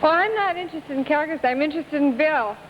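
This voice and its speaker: A woman's voice: high-pitched, animated, quick pace. A young woman answering casually as a contestant on a 1950s quiz show. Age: young adult. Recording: muffled, noisy 1950s television broadcast.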